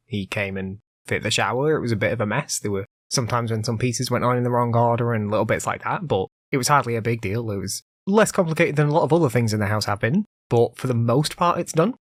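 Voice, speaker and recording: On his solo podcast, a medium-pitched male host chats loosely, his talk full of filler words. Illness is still lingering, and now and then his voice drops out. The sound is studio-clean with no echo.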